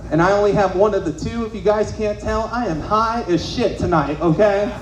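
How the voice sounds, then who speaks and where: A man's voice: on the high side, darkish tone, slight background noise. A young man doing a loose, profane stand-up comedy set on a club stage. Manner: loose, profane, conversational storytelling. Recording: echoey club room, faint ambience.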